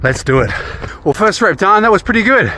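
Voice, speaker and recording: A man's voice: high-pitched, big pitch swings, brisk, sharp tone. An Australian man chatting casually in a running vlog, recorded outdoors. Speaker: running vlogger. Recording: clear outdoor background noise.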